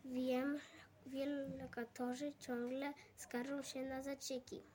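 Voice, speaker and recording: Hesitant high-voiced woman reading a story. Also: flat delivery, takes it slowly, a little mellow. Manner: hesitant, restarts words. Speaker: reader.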